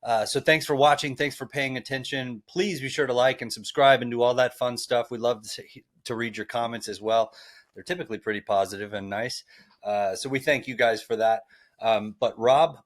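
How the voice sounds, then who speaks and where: A man's voice: mid-range voice, normal speed. A man hosting a casual podcast, friendly and rambling with lots of fillers. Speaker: podcast host.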